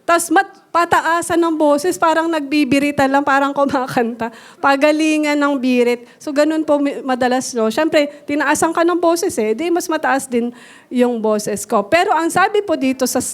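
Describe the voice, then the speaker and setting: A Filipino woman preaches a church sermon in a high, bright-toned voice. She speaks politely and gently, sliding back and forth between Tagalog and English and teaching through everyday examples. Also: moderate pace. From Philippines.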